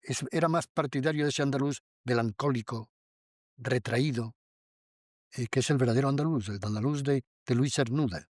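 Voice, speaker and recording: A man speaking hesitantly in a documentary interview, with many pauses and restarts. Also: mid-range voice, a little mellow, dry recording, clean studio sound. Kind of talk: reflective interview talk.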